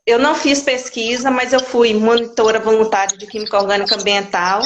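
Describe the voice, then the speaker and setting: A woman's voice: on the high side, level tone, fairly quick, dull audio, noisy background. A woman in her forties from Minas Gerais, a guest chatting candidly in an interview, often restarting her sentences. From Minas Gerais, Brazil. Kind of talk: casual interview chat.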